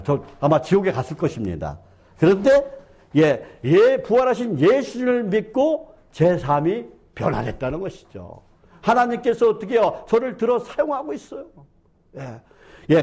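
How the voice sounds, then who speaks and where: High-voiced, fervent male pastor preaching. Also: a little mellow. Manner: fervent, asks many rhetorical questions, fills with "yes". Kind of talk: sermon. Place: church sanctuary.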